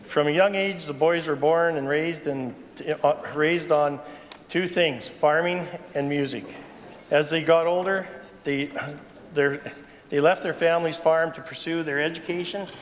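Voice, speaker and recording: A man's voice: a little high, fairly even intonation, a little slow. A Canadian man reading a formal prepared statement as a legislator, stumbling over some words. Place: large indoor legislative chamber. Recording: reverberant chamber with faint noise.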